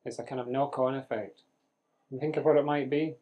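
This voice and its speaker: A man's voice: medium pitch, fairly even intonation, brisk, a little mellow. A man giving a live medical lecture, quizzing students with dry humour. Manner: conversational, questioning the class, dry humour. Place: lecture room with audience.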